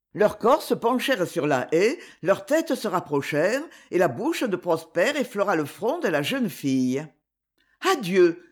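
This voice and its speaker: Woman narrator, audiobook reading, measured, expressive, lively pitch. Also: slightly rough.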